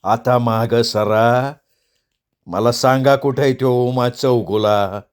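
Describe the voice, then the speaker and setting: A man voicing a strong, grateful rustic village man in a storybook reading, talking in slow, heavy village speech. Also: medium pitch, steady tone, clean tone, natural voice. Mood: earnest.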